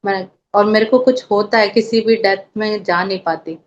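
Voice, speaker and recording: A woman's voice: mid-range voice, steady tone, normal speed, muffled recording, a little hiss or hum. A woman telling a personal spiritual testimony, with emotion, and chanting devotional phrases aloud as she recounts events. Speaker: devotee sharing a spiritual experience.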